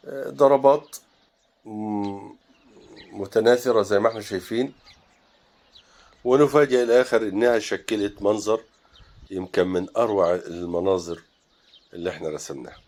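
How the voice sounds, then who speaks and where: A man's voice: on the low side, darkish tone. Egyptian man teaching landscape painting. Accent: Egyptian Arabic. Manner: thinks aloud while mixing paint, with pauses and fillers. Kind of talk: relaxed step-by-step painting tutorial.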